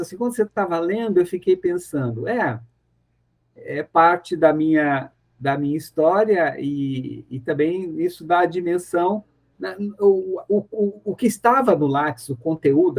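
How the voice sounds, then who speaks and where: Speaking as a professor in a radio interview, this man from the São Paulo interior of Brazil has a high voice with a darkish tone and a breathy edge. He talks thoughtfully and conversationally, frequently hunting for words and repeating himself.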